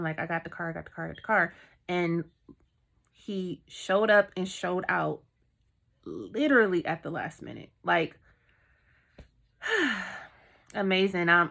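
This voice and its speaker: A woman's voice: on the low side, creaky, a bit bright. A woman vlogger telling a heartfelt story time in a chatty way, full of fillers.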